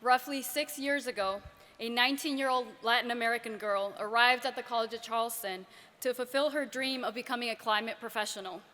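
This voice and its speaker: Bright high-voiced young woman in a hall. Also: brisk. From Ecuador. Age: 20s. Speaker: graduate student speaker. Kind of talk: commencement speech. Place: large ceremony venue. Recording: reverberant hall.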